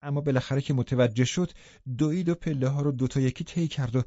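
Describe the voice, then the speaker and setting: A man's voice: mid-range voice, dark tone, dry recording, lo-fi sound. A man narrating a classic novel in first person as an audiobook, reading expressively and dramatically.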